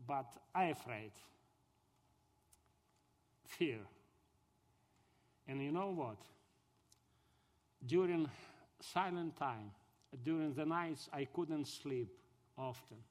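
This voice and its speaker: His high voice marked by a Ukrainian accent, a man from southern Ukraine recounts his personal conversion in broken English. He's animated, halting and earnest, and long hall reverb surrounds the recording.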